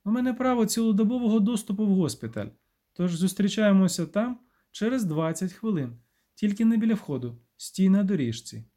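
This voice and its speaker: A male reader voicing a brisk, urgent young woman who heads a lab, speaking in clipped lines in an audiobook. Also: high voice, animated, warm tone, voice pushed up.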